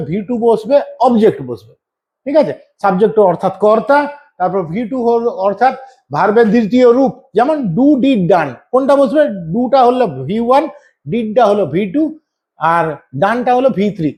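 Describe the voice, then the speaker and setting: A man's voice: very high voice, darkish tone. A man with a Bengali accent teaching English grammar, explaining step by step, repeating each example and checking in with his students. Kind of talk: classroom-style grammar lesson.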